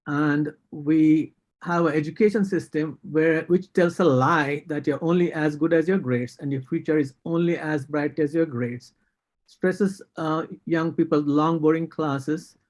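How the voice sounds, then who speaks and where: A man with an Indian accent speaks as a psychiatrist on a panel discussion, earnest and critical, hesitating often and using many fillers. His voice is a little high and a little mellow, with a steady tone and an unhurried pace.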